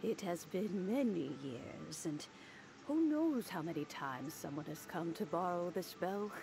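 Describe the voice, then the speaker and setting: Kindly elderly granny, game character, singsong swoops, creaky low voice, noise behind. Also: female voice, animated. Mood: gentle, amused. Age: older. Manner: elderly singsong, slow and unhurried. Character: kindly frail old granny with a gentle wry humour. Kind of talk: video game character acting.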